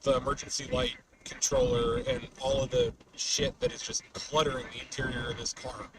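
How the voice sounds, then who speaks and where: A man chats casually on a storm-chasing livestream while he drives, with noticeable noise around him. His pitch moves around a lot as he rambles and drops thoughts halfway. The microphone sits away from his mouth, so he sounds a bit distant inside the car. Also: huge pitch swings, normal speed, creaky. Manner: rambling, trailing off mid-thought. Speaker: storm chaser live streamer. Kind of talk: casual unscripted livestream chat while driving. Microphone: webcam microphone in car. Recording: noisy car, distant webcam mic.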